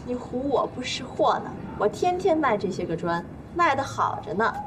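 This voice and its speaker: An actress playing a fiery, combative peasant widow who shouts back at the men taking her goods, in a TV drama with loud music under it. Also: on the high side, very animated, normal speed, background noise. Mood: scornful. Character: fierce feisty peasant widow, loud, foul-mouthed. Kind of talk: TV drama acting.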